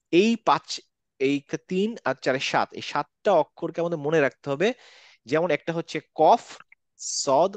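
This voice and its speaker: Man, online class teacher, fairly high voice, repeats letter sounds, mixes in English, dry close recording. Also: no room sound. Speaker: Quran recitation teacher.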